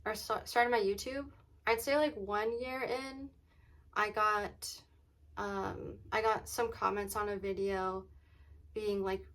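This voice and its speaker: A woman chatting casually in a vlog, often saying "like" and "um" and pausing to think aloud. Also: medium pitch, steady tone, fairly bright tone. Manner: says "like" and "um" very often as filler; halting, thinking aloud, trailing off mid-sentence. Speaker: vlogger.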